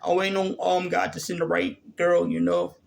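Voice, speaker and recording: Vlogger, man, 30s, high-pitched, creaky, halting delivery with lots of ums. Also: little pitch movement. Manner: hesitant, many fillers and restarts. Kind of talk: casual Q&A vlog.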